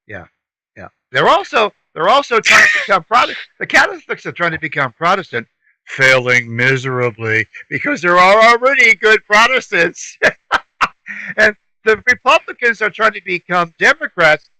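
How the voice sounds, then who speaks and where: A man's voice: high-pitched, big pitch swings, normal speed, bright, forceful tone, no room sound, low-quality recording. A man co-hosting a podcast, talking politics in a punchy, sarcastic way. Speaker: podcast co-host. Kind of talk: casual political chat.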